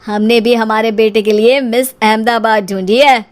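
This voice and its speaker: A woman's voice: on the high side, steady tone, moderate pace, close to an everyday voice. A woman voicing a smug, boastful older neighbour man who needles others in a cartoon family story.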